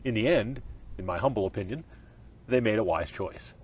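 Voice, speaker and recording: A middle-aged man delivers a scripted leadership lesson in the open air, sounding like a pastor who preaches for a living. His voice carries a light husky grain, and his pitch moves in a lively, animated way. The delivery stays earnest and expressive throughout. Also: moderate pace. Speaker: pastor teaching a leadership course. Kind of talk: scripted teaching session. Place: outdoors at little league ball fields.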